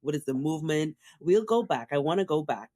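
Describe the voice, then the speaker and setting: A woman's voice: low voice, animated, brisk, dark tone, dry recording, studio quality. Enthusiastic woman podcast host. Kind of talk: podcast interview. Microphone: video call.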